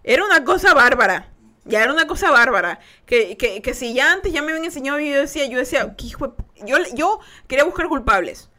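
A young woman with a somewhat high voice tells her own story in a loose, casual podcast manner. She talks with blunt emphasis and doesn't shy away from swearing. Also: expressive, fast talker, bright, forceful tone. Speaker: podcast host.

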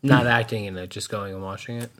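A man's voice: lowish voice, steady tone, fast talker, fairly bright tone. A man in a casual group chat who playfully ribs a friend. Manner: playful ribbing.

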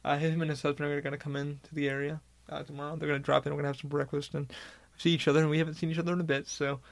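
A male podcast host talking alone in a loose, rambling way, swearing constantly. His voice sits a little high for a man, with a rough, gravelly fry running through it. He sounds like he is chatting off the cuff rather than reading. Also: flat delivery, rapid-fire. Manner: rambling and heavily profane. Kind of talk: casual monologue.

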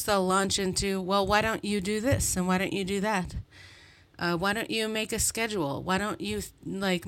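A woman in her thirties from Montreal hosting her own podcast, talking alone in a chatty, rambling, self-deprecating way. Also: medium pitch. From Montreal, Canada. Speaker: podcast host. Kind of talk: solo podcast monologue. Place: bedroom at home.

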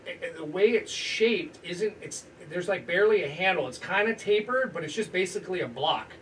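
Rambling, high-voiced male podcast host. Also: animated, fairly quick, recorded from a distance, a little hiss or hum. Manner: rambling, lots of restarts and laughter. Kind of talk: casual sports chat.

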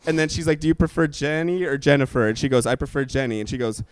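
A young man with a fairly high voice co-hosts a loose comedy podcast. He rambles, jokes and trails off mid-thought, recorded close and dry with no room sound. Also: quick pace, smooth, no echo. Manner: rambling, joking, laughs often, trails off mid-sentence. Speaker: podcast co-host. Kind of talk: casual comedic podcast chat.

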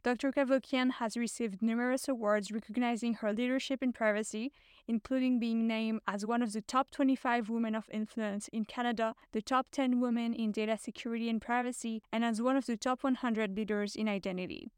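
A woman hosting a podcast, reading a scripted introduction with measured, clear delivery. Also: a little high, fairly even intonation, no room sound. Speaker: podcast host.

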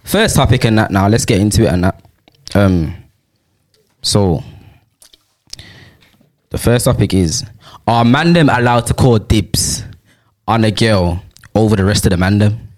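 A man's voice: on the low side, measured pace, pauses often. A young man with a London roadman accent hosting a casual group chat in slangy street talk. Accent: London roadman, urban slang. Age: young adult. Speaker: host.

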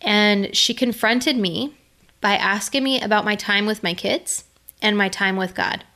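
A woman's voice: mid-range voice, a little slow, pushed and bright. A middle-aged woman giving an earnest, conversational faith-based motivational talk, laughing now and then.

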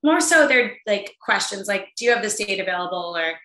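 A woman's voice: mid-range voice, animated, brisk, a bit bright. A woman chatting as an interview guest over a video call, talking in a laid-back way and laughing often. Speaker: guest, event planner. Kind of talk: casual interview chat. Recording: echoey room.

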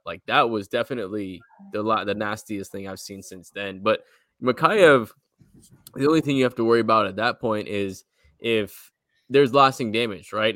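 A man's voice: mid-range voice, fairly bright tone, no room sound, studio quality. A man co-hosting a casual post-fight show, talking in a laid-back way with casual slang. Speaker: co-host.

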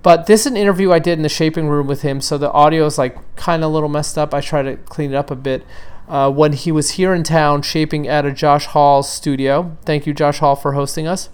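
A man hosting a show, casually introducing the interview in a relaxed, informal way. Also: a little high, brisk, clean tone. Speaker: show host.

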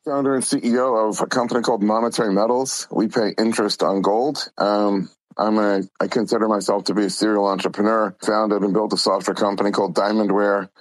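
A man's voice: fairly low pitch, level tone, a little fast, few pauses, no room sound, low-quality recording. A man speaking as an interview guest, explaining things conversationally. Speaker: interview guest, company founder and CEO.

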